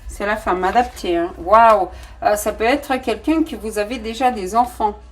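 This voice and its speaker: A woman's voice: medium pitch, normal speed, a little mellow, soft background music. A woman with a non-native French accent giving a casual tarot reading, talking straight to her viewers with many fillers and restarts. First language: not French. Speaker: tarot reader.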